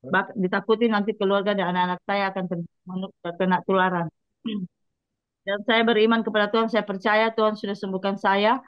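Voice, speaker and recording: A woman's voice: mid-range voice, little pitch movement, brisk, clear, resonant tone, no room sound. Woman evangelist, earnest testimony, addresses listeners directly, muffled dry recording. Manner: earnest, speaks straight to listeners. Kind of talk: personal religious testimony. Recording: dull lo-fi dry sound.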